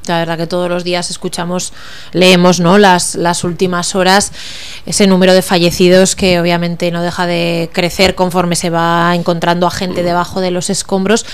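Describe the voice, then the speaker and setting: A woman's voice: on the low side, completely flat delivery, normal speed, smooth. A woman interviewing a guest on the radio, asking attentive, sympathetic questions.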